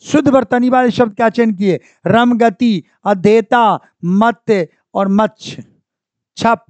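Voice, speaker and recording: A very high, darkish male voice speaks slowly as he teaches Hindi grammar for exam prep. He repeats every word and constantly asks the class to answer, and the recording is dry with a dull lo-fi sound.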